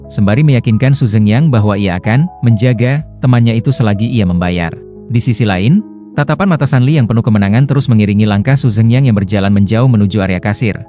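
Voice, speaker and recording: A man giving scripted story recap narration in a steady, flowing storytelling delivery. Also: on the low side. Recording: narration over background music.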